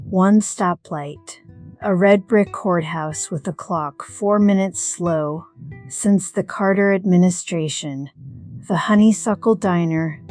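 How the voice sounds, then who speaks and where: A woman with a lowish, somewhat dark voice plays a middle-aged retired firefighter. She narrates a scripted first-person story in a measured, reflective and wry manner.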